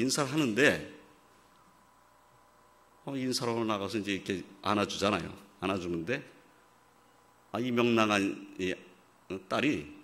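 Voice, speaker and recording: A man preaching a sermon, telling a story in a quiet, halting way and building to loud, emphatic preaching, acting out the voices of the people he quotes. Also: on the low side. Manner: acts out quoted voices of fathers and God. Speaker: pastor.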